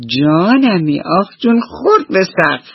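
Brief: high, childlike little boy mouse, anxious and fretful, as a woman storyteller puts him on, husky edge, dull radio sound. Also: sing-song, no room sound, exaggerated voice. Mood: excited.

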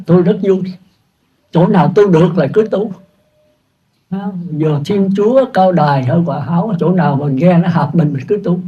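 An older Buddhist monk teaches in a loose, chatty way, poking fun at himself. His voice sits high and sounds husky and mellow. The recording is dull and lo-fi. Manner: chatty, self-mocking, laughs at his own jokes. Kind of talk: casual dharma talk.

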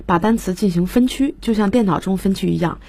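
A woman's voice: medium pitch, fairly quick, a little mellow, no room sound. A woman teaching English vocabulary on a radio lesson, explaining patiently and spelling words out letter by letter. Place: radio studio.

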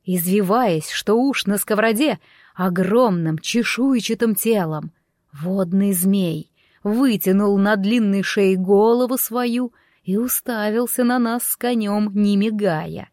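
A woman's voice: medium pitch, slow pace, darkish tone, dry recording, clean studio sound. A woman narrating a fairy tale audiobook in first person, reading expressively and giving the characters their own voices.

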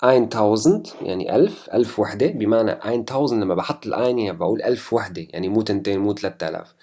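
A man with a Levantine Arabic accent teaching a language lesson, patiently spelling out numbers slowly, piece by piece. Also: fairly low pitch, lively intonation, warm tone. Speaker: German teacher.

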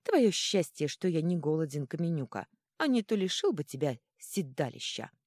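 A woman voicing a grumpy, boastful shapeshifting spirit with a cat's face, loud and cocky in a storybook. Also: sits low, big pitch swings, normal speed, no echo, studio quality.

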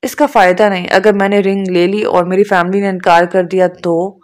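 A woman reading the lines of a serious young woman who speaks softly and gently but firmly. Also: mid-range voice, fairly even intonation, close to an everyday voice. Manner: serious, soft-spoken.

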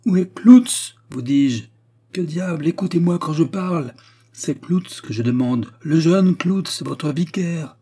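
A man doing a rough, sneering steward. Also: fairly high pitch, animated, a little slow, mellow, voice pushed up. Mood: impatient. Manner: brusque, sneering, menacing. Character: rough, mocking male estate steward.

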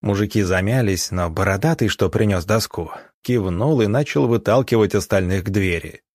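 A male audiobook narrator with a lowish voice, reading in a steady, even way. The recording is dry and close, with no room sound. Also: moderate pace, dry recording. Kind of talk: scripted narration.

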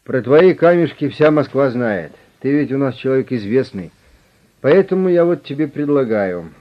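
A man voicing a calm but pushy male negotiator with an official manner who talks steadily and insistently. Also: medium pitch, moderate pace, pitched above the performer's own voice, close to an everyday voice. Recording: dull lo-fi recording.

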